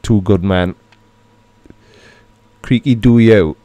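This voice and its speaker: Taking things slowly, a middle-aged Welsh-accented man from Wales casually chats on his livestream and reads viewers' comments aloud. His voice is mellow and on the low side, with no echo.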